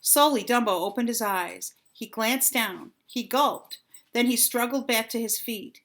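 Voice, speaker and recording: An older woman, a grandmother, reading a children's storybook aloud with deliberate, dramatic phrasing and drawn-out words. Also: on the high side, a bit bright.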